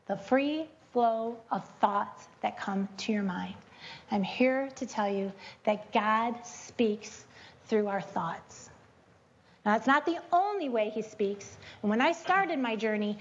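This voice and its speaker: A woman giving a chatty, animated devotional teaching, breaking into spoken prayers to God. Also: slow. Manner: chatty and animated, prays aloud with rising pitch. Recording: dull lo-fi recording.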